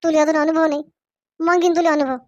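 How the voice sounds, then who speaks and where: A woman's voice: high-pitched, level tone, quick pace, no echo, dull audio, close to an everyday voice. A woman doing a stern young village husband. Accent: Varhadi Marathi. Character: young husband, stern, trying to keep the peace. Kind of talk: comedy sketch acting.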